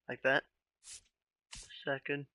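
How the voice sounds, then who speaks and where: A man chatting casually on a live stream, relaxed and rambling, often trailing off with questions. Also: medium pitch, no echo.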